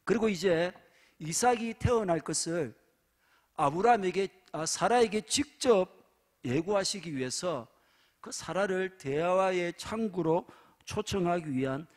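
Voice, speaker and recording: A man's voice: sits high, animated, measured pace. A middle-aged male pastor with a Gyeongsang accent preaching a sermon, humorous and emphatic. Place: church sanctuary.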